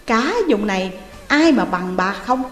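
A woman voicing a gruff, reluctant older male village healer, scolding and dismissive. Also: medium pitch, animated, a little slow, natural voice. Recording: roomy reverberant room, faint music.

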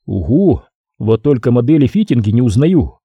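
A man's voice: medium pitch, very animated, dark tone, husky, no echo, muffled recording, full character voice. A man reading a dry, tired detective. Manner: dry, measured, sardonic. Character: tired, restrained male police detective. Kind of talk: audiobook character voice.

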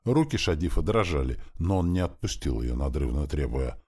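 A man narrating a fantasy novel in a dramatic, expressive audiobook reading. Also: rumbling low, normal speed, slightly rough.

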